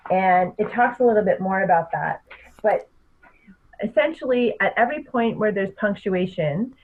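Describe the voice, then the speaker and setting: A middle-aged woman coach talks through speaking techniques in an animated, explanatory way, her pitch sitting at a middle level. Her voice comes through a thin, phone-like line. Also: moderate pace, slight background noise. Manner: animated, explanatory, laughs often. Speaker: public speaking coach, guest. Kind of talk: podcast interview.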